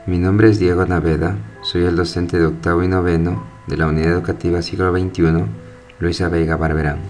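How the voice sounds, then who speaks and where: A man's voice: sits low, little pitch movement, darkish tone, soft background music. A man teaching, who walks students through a study questionnaire and reads each answer word by word. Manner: slow, deliberate, spelling out each word.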